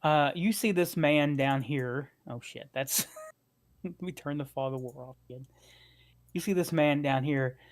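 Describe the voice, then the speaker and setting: A man's voice: fairly high pitch, a little slow. A man running a tabletop fantasy game as game master, narrating casually.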